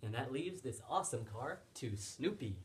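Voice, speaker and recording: A man voicing toy dogs and running a race in an amateur toy role-play, with quick, excitable exclamations. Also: medium pitch. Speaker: home video creator voicing toy dogs.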